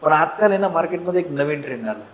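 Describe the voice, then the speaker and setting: A man's voice: fairly high pitch, animated, rapid-fire, echoey room, rough recording. A man hosting a podcast, who talks in a frank, chatty way and tells personal stories while asking his guest questions. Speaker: podcast host. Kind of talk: casual conversational interview.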